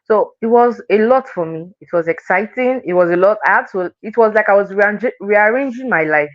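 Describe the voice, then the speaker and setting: A woman's voice: medium pitch, lively intonation, fairly quick, no room sound, highs cut off. A woman from Nigeria's Delta region, a chatty interview guest who restarts her phrases and laughs often. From Delta State, Nigeria. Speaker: guest, sales closer. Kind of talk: casual interview chat.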